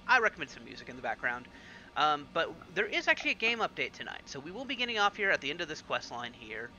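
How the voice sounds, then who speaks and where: A man's voice: on the high side, very animated, fast talker, pushed and bright. A man hosting a let's play, giving chatty, casual game commentary full of fillers.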